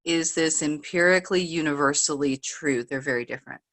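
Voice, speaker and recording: A woman with a lowish voice co-hosts a spiritual podcast. She reassures listeners in a warm, reflective way. The recording is dry with no room sound. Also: a little fast, no room sound. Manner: affirming, thoughtful, with soft laughs and fillers. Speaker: podcast co-host, healer. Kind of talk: casual spiritual conversation.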